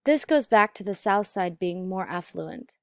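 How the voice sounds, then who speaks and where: A woman with a mid-pitched voice narrates a pronunciation lesson. She enunciates deliberately like a teacher, recorded close and dry with no room sound. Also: expressive, no room sound. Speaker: accent teacher. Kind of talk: instructional narration.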